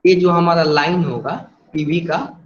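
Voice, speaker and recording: Indian male lecturer, high voice, roomy and muffled online recording, methodical and questioning. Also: steady tone, measured pace, a little hiss or hum. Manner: explains step by step, asks rhetorical questions, frequent "theek hai". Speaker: engineering teacher. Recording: dull roomy online class audio.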